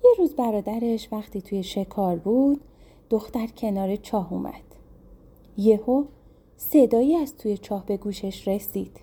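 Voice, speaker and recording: A woman narrating a folktale audiobook in a steady, measured storytelling way. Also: mid-range voice, breathy edge.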